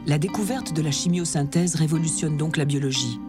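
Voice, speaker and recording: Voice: medium pitch, brisk. A narrator reading a scripted nature documentary narration. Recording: music behind the voice.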